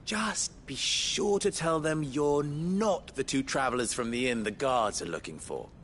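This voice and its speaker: A man's voice: medium pitch, expressive, fairly bright tone, slight background noise. A man playing a smug, swaggering young merchant in a mocking, pompous, theatrical period fantasy drama style. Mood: taunting, gloating. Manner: mocking, pompous, drawn-out delivery.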